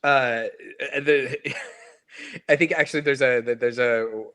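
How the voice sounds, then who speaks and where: A man's voice: mid-range voice, fairly even intonation, takes it slowly, pushed and bright, smooth. Rambling man talking about his band. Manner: rambling, hedging, full of fillers and restarts. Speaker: band member. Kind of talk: casual podcast chat.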